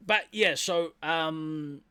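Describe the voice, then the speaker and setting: A man's voice: on the high side, extremely slow, sharp tone, smooth, dry recording. A man with a New Zealand accent co-hosting a podcast in casual, rambling chat, laughing often. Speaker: podcast co-host.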